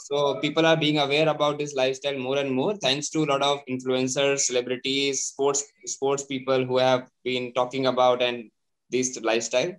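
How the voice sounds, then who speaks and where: A man with an Indian English accent, a cafe founder talking earnestly in an interview, pausing often with "uh". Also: mid-range voice, level tone, low-quality recording. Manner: earnest, many hesitations. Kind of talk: video call interview.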